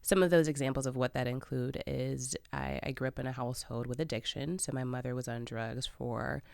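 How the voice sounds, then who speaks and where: Speaking a little fast, a woman from Chicago has an extremely low, creaky, darkish voice with fairly even intonation, recorded dry. She's a podcast guest in an open, reflective personal interview, frequently laughing lightly as she discusses difficult things.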